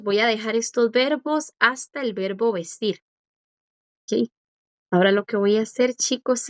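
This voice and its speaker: A woman's voice: medium pitch, a bit bright, no echo. A woman teaching a language class, patient and encouraging as she quizzes students and praises their answers. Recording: dull lo-fi dry audio.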